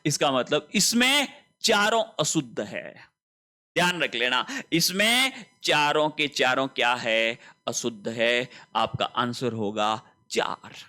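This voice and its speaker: A man with a Rajasthani accent teaches Hindi spelling for a competitive exam. He speaks in a high, very bright voice. He moves slowly through each answer choice and keeps asking the students questions. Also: lively intonation. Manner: explains step by step with rhetorical questions. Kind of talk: exam-prep spelling lesson.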